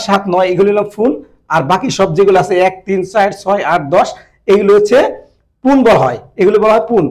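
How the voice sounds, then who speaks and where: A man with a notably high speaking voice walks through a grammar lesson step by step. He repeats each example slowly, pauses between phrases and keeps sending his viewers back to the textbook. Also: a little mellow. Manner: addresses viewers directly, pointing them to the book. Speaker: Japanese language teacher.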